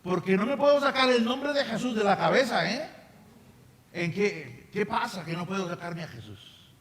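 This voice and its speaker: A man's voice: high voice, lively intonation, normal speed, a bit bright. A man voicing an agitated middle-aged male car seller in a retold story, blunt and exasperated. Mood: puzzled. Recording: reverberant hall, faint noise.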